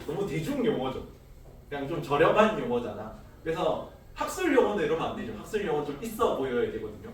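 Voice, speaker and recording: A male social studies teacher with a voice on the high side gives a casual classroom lecture, quizzing students with rhetorical questions and tossing in jokes. The room is very echoey, the mic sits far off, and there's a little hiss or hum.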